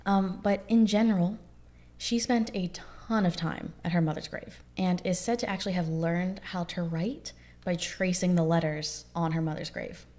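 Young woman, podcast co-host, mellow low voice, chatty, laughs often. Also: steady tone, moderate pace. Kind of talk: casual history chat.

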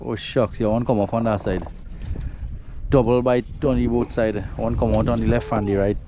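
A man with a Trinidadian accent giving chatty, excitable running commentary while fishing from a small boat. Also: medium pitch, normal speed. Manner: chatty, excitable, creole phrasing. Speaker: fishing vlogger. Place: outdoors on a small boat at sea. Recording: noisy outdoor water and wind.

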